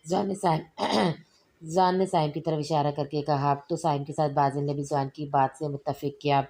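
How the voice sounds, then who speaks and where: A woman reading a romance novel aloud in a steady, even storytelling manner. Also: sits low, moderate pace, few pauses. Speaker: audiobook narrator.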